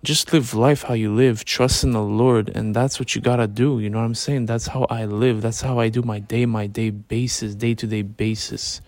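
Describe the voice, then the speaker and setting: A man talking in a relaxed way, as if lying in bed, in a casual, reflective late-night monologue with informal slangy phrasing. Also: on the low side, moderate pace, few pauses, no echo. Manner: informal slangy talk with swearing. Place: in bed at home.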